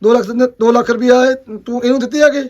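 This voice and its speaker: Guy acting as worked up punjabi village man, loud, super fast, keeps repeating orders. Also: very high-pitched, steady tone, highs cut off. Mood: agitated. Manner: loud, blustering, repeats commands urgently. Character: angry, agitated Punjabi villager confronting young drug users.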